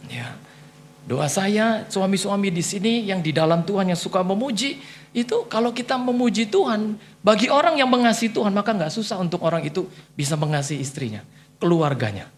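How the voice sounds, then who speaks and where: A man's voice: high-pitched, lively intonation, fairly quick, a little hiss or hum. A male pastor preaching a humorous sermon, telling jokey stories and acting out the voices of the people he quotes. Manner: joking storyteller, acts out voices in quotes. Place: church.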